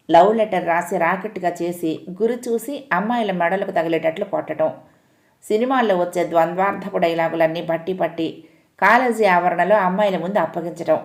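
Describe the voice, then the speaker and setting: A woman narrating a story in a calm, measured reading voice, giving the characters' lines a gentle lift. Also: lowish voice. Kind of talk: audiobook-style story narration.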